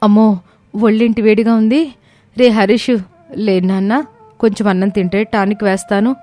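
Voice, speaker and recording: A woman's voice: medium pitch, moderate pace, close to an everyday voice. A woman doing a harsh, scolding rich mother. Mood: alarmed. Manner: shouting, scolding, contemptuous. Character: proud wealthy young mother, harsh and quick-tempered. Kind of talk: storybook character voice.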